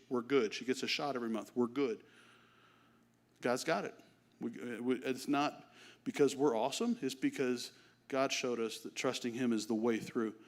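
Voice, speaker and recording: A middle-aged man preaching a sermon in a relaxed, conversational way, telling lively stories to the congregation. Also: medium pitch. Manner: conversational, animated storytelling. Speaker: guest preacher.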